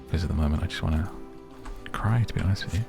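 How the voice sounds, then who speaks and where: A man with a hoarse, raspy, strained voice, giving relaxed, rambling game commentary meant for sleep and muttering to himself as he plays. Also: low-pitched, racing, music in the background. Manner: chatty, muttering to himself while playing. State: voice going hoarse. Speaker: gaming video creator and podcaster.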